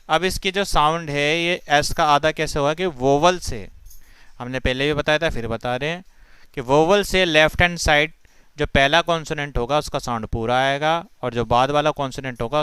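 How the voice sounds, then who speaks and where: A man's voice: on the high side, sharp tone, clear, resonant tone, no echo. A man with a Hindi accent teaching English spelling, patiently sounding out words letter by letter. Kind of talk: spelling lesson explained step by step.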